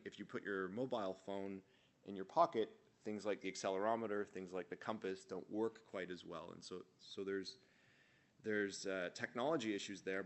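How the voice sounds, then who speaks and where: A man from Canada giving an earnest, measured conference presentation. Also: deep voice. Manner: earnest, measured, slows for emphasis. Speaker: conference speaker. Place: conference hall.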